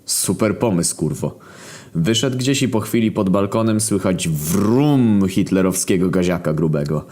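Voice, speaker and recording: A man narrating a comic internet story in a deadpan, profane storytelling manner. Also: sits low, unhurried. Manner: deadpan storytelling, heavy swearing.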